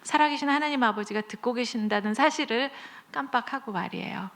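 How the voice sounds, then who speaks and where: A middle-aged woman preaching a sermon at a church service, telling stories with lively, acted-out quoted voices. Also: fairly high pitch, brisk. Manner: animated storytelling, acting out quoted voices. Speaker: guest speaker at church.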